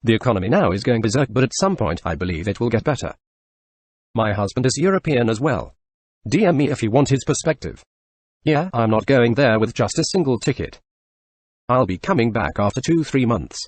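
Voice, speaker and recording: A synthetic male text-to-speech voice narrating forum posts, reading short posts back to back in even sentences. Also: medium pitch, fairly quick, husky.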